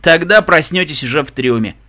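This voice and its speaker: A man's voice: fairly high pitch, lively intonation, brisk, bright, forceful tone. A man doing a boastful zebra sea captain. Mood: wry. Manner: boastful, joking. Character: gruff sly male zebra sea captain.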